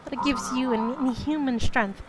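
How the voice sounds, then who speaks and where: A woman reading a brisk coast guard officer giving a businesslike briefing, on a noisy recording. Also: on the high side, fairly even intonation, vocal fry, voice pushed up.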